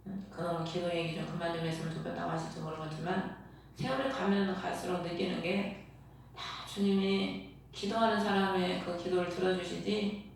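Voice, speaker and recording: A woman's voice: fairly low pitch, gravelly, slight background noise. Woman preaching in an echoing hall. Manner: earnest preaching, asks rhetorical questions. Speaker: pastor. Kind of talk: sermon. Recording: echoey hall, voice from far off.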